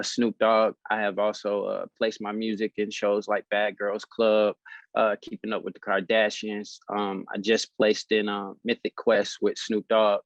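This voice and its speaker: Flat-voiced man music producer. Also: on the low side, no echo. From Nashville, USA. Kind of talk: self-introduction. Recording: dull dry recording.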